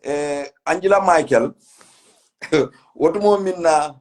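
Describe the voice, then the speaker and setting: Slow and a little high, this man's voice carries a West African accent. He hosts a casual political live chat, mixing English with a local language while speaking emphatically and repeating phrases.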